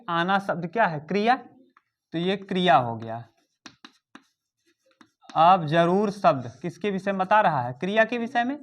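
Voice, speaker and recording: A man's voice: high voice, fairly bright tone. A male teacher giving an exam-prep grammar lesson, repeating key terms and quizzing and dictating to his students.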